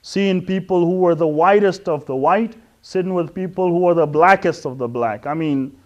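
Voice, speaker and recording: A middle-aged man from West Africa giving an earnest introductory talk on religion, explaining step by step with frequent pauses and restarts. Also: fairly high pitch, muffled recording. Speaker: Islamic lecturer.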